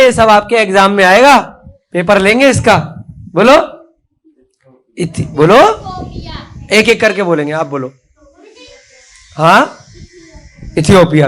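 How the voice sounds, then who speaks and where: A man's voice: high voice, a bit bright. A male teacher giving a classroom spelling lesson, who spells words letter by letter and has the children repeat after him.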